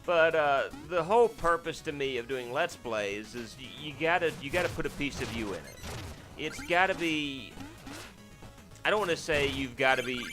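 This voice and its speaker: At a normal speed and a bit bright, a fairly deep-voiced man narrates the game he's playing in a casual, rambling way. Fillers and restarts abound, he's self-deprecating, and startled yelps burst out now and then over faint game music.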